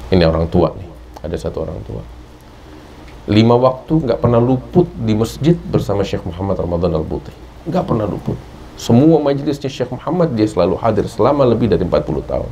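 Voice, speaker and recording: An Indonesian-accented man preaches at a religious study class, with a mellow, relaxed tone and a lowish voice. He tells stories and climbs to emphatic high points. A faint hiss of background noise sits under the recording. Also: fairly quick, creaky, poor audio. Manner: storytelling, rising to emphatic peaks. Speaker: religious teacher. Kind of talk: Islamic study sermon.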